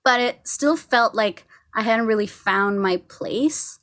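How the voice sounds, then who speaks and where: A woman's voice: fairly high pitch, slow, fairly bright tone. Chatty woman from Costa Rica. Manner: chatty, laughs often, many fillers. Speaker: singer and co-host. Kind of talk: casual podcast chat.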